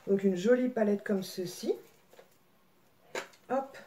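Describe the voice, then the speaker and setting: A woman's voice: medium pitch, takes it slowly, dark tone. A woman, chatting casually in a haul vlog at home, with many fillers and a scratchy throat. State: slight throat irritation. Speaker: vlogger.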